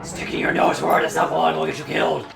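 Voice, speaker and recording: A man's voice: fairly high pitch, fast, vocal fry. Man doing a theatrical, menacing spider queen villain, echoey. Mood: haughty menace. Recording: distant, echoey room with noise.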